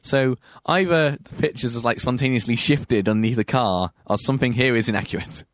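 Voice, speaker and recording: A man hosting a comedy podcast, reading news stories aloud with halting restarts. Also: mid-range voice, no echo, studio quality. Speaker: host.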